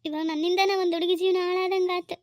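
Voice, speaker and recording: A woman's voice: very high-pitched, steady tone, quick pace, darkish tone, dry recording, clean studio sound. A woman with a North Karnataka Kannada accent playing an anxious village mother in a family comedy-drama, talking in an emotional, pleading and scolding way.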